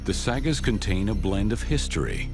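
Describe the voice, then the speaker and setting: A man giving scripted documentary narration in a deliberate, expressive storytelling delivery over background music. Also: fairly low pitch.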